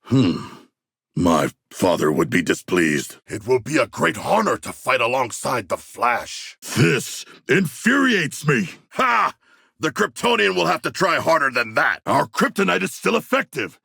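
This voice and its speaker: A man voicing a huge, proud humanoid shark warrior in a video game, speaking in formal, grandiose phrases with a gravelly, husky voice. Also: medium pitch, sing-song, unhurried, sharp tone, no room sound, studio quality, heavily acted. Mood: fierce, exhilarated. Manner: formal, grandiose, stilted diction. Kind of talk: video game character voice lines.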